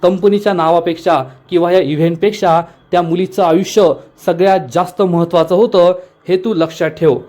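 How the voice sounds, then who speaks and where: Man reading as a calm, firm young man. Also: sits high, brisk, few pauses, close to an everyday voice. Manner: calm, persuading.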